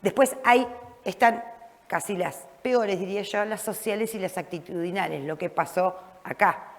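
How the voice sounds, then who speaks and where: Woman teacher, animated lecturer, recorded with long room echo. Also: medium pitch, moderate pace. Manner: lively, frequent "¿sí?" checks, restarts. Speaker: teacher trainer. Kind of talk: classroom lecture. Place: classroom. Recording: reverberant classroom.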